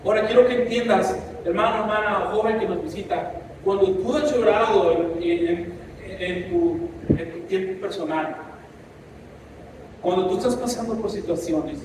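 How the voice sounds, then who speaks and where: A man's voice: high voice, normal speed, background noise. A man preaching a sermon as pastor, impassioned and mixing in asides. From Mexico. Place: church. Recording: echoey church hall from a distance.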